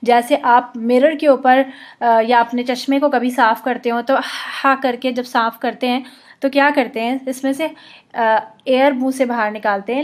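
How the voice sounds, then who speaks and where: A woman teaching Arabic letter sounds, explaining patiently and drawing out slow model pronunciations. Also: high-pitched. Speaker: Quran recitation teacher. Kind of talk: instructional explanation with slow demonstrations.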